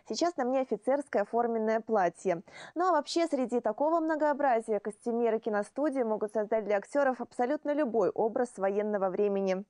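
A woman delivers scripted TV news narration in a fairly high voice. Her tone is very soft-edged and mellow, in a reporter's measured phrasing. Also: no room sound, studio quality.

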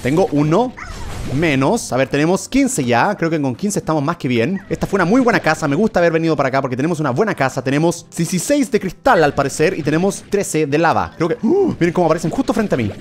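Young man, gaming commentary, excitable and jumpy, bright-ish higher voice, rapid-fire. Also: slight background noise. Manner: excitable, yelps and gasps, talks to game creatures. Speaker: gaming video host. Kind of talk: excited let's-play commentary.

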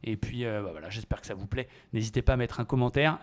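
A man's voice: mid-range voice, fast. Enthusiastic man teaching trading. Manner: enthusiastic, emphatic repetition; frequent fillers and restarts. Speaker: trading educator. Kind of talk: screen-share trading tutorial.

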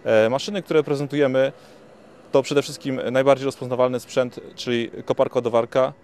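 A young man with a clear, even voice and little pitch movement. He talks slowly and haltingly, pausing on fillers. He is interviewed outdoors at a trade fair on a handheld mic. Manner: slow and halting, many fillers. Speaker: company representative. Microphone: handheld reporter mic.

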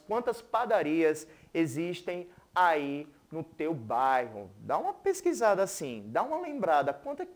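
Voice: medium pitch, darkish tone. A teacher with a Brazilian Portuguese accent gives a televised school lesson, patiently checking in with the class and having viewers repeat words. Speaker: English teacher.

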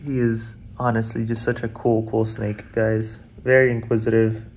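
An eager young man chats casually about his pet reptiles, stumbling over fillers and repeating himself. His voice stays fairly flat in pitch. He is recorded by a camera in a roomy, echoey room at home, with a faint hum of ambience behind him. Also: unhurried. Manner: enthusiastic, many fillers and repeats. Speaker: reptile vlogger. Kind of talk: casual vlog.

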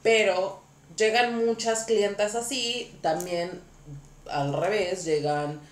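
Woman host, casual storyteller, mid pitch, roomy room with faint noise. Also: slow pace. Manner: animated, laughing storyteller. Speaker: podcast host.

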